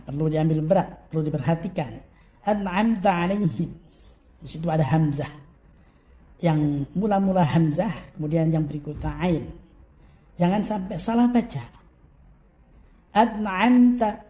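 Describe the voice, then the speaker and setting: A man teaching careful Quran recitation. His voice is dark and mellow, and his delivery is unhurried, with verses stretched out at length. Between the chanted lines he gives short, quick corrections. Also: high-pitched. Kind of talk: recitation lesson.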